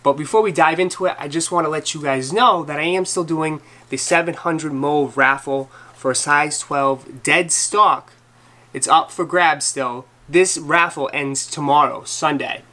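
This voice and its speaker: A fashion vlogger in his thirties with a Boston accent from Massachusetts gives a casual tour of his small bedroom closet, gushing enthusiastically over each piece with lots of fillers. His voice is on the high side, a little slow, pushed and bright. A close tripod-mounted camera picks him up, with music playing underneath.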